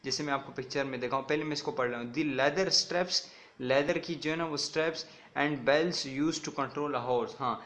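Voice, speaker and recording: A male teacher giving a recorded classroom lesson. He mixes Hindi-Urdu with English, reads each English line slowly, then explains it, and keeps checking with "ठीक है ना". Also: medium pitch, steady tone, a bit bright. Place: recorded video lecture.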